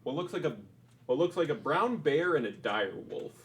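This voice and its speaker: A young man narrating a tabletop game as game master, halting with many fillers. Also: on the high side, lively intonation.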